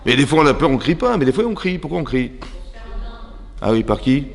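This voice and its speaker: A man with a French accent giving a religious lesson to a women's class as a rabbi, animated and throwing rhetorical questions at his listeners. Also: mid-range voice, a little fast, vocal fry, in a large hall. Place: seminary classroom.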